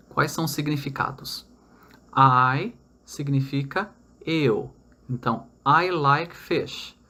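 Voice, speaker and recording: A man with a Brazilian accent teaching a recorded online lesson, explaining step by step, slowing down for example sentences and often checking in with "tá?" and "né?". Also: mid-range voice, a bit bright. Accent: Brazilian Portuguese. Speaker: English teacher.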